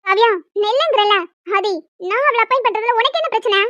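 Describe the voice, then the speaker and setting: Woman doing a bossy pregnant cartoon woman, squeaky-high voice, firm, dull dry lo-fi sound. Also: fast talker, a bit bright, no echo. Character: bossy pregnant young woman, protective friend. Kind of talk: cartoon dialogue.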